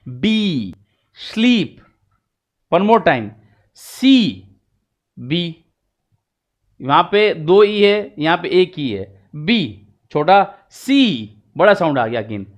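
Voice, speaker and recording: A man with an Indian accent teaching English vowel pronunciation, switching between Hindi and English and drawing out each example word. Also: high voice. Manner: mixes Hindi and English, slow drawn-out example words. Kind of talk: pronunciation lesson.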